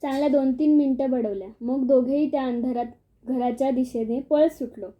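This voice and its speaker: A woman's voice: sits high, a little fast. Give me a woman expressively reading a funny village story, on a muffled lo-fi recording. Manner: expressive storytelling with acted outbursts. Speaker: audiobook narrator. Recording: dull lo-fi recording.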